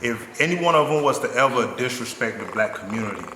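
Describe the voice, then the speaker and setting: A man from Nigeria, a clothing brand owner, talking in a casual interview in a relaxed, thoughtful way, with plenty of fillers. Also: medium pitch, fast, slight background noise. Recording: echoey room with long reverb and music behind.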